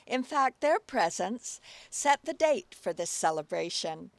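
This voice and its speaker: A woman, the master of ceremonies, introducing speakers in a relaxed way with fillers and light humor. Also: medium pitch, a little slow, vocal fry, no room sound. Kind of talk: ceremony hosting.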